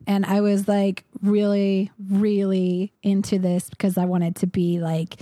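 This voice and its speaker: Slow-talking, giggly woman player. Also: mid-range voice, monotone, dark tone. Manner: giggly, drawling Southern-style delivery. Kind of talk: in-character storytelling at a game table.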